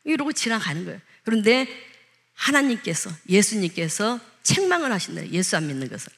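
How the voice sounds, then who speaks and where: A woman pastor gives a Sunday sermon in an easy, conversational way. She keeps asking the congregation questions and acts out the lines she quotes. Her voice sits at a middle pitch. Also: big pitch swings, fairly quick, fairly bright tone.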